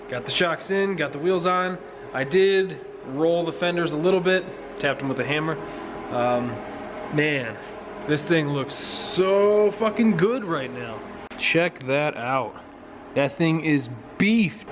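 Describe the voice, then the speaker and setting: A man's voice: fairly high pitch, a little hiss or hum. A man in his thirties talking casually in frat-bro slang with easy swearing, vlogging from a garage workshop on a handheld camera. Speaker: host of a car project vlog. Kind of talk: casual garage vlog talk. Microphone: handheld camera at arm's length.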